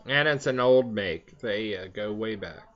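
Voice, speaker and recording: Halting older man with a pipe, low voice. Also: fairly bright tone. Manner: rambling, halting, trailing off. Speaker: vlogger. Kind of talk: casual chat to camera. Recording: dull, lo-fi sound.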